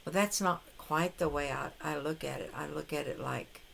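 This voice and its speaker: A woman's voice: sits low, moderate pace, creaky, slight background noise. An older woman vlogging casually to camera, rambling and hesitant, with frequent restarts. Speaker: vlogger on a carnivore diet challenge. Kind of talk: casual talking-to-camera vlog.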